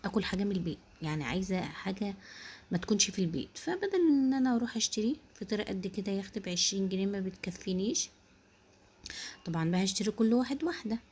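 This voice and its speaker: A woman with an Egyptian Arabic accent hosting a home cooking video, chatting casually and warmly addressing viewers as sisters while explaining each step. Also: medium pitch, rapid-fire, slightly rough. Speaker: home cooking channel host.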